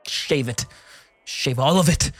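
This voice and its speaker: A man's voice: medium pitch, slow, breathy edge, no echo, soft background music. A man playing a weary, desperate man in his thirties, pleading urgently in a script reading. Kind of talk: comedy script table read.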